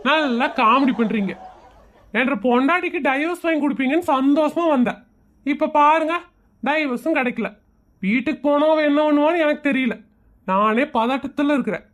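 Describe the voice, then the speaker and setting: A man's voice: very high voice, normal speed, a bit bright, some chatter behind. A man playing an exasperated, sarcastic husband in a comedy skit, arguing and mocking with a Kongu Tamil accent. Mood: exasperated complaining. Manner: argumentative, mocking, complaining. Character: exasperated, sarcastic husband who mocks everyone around him.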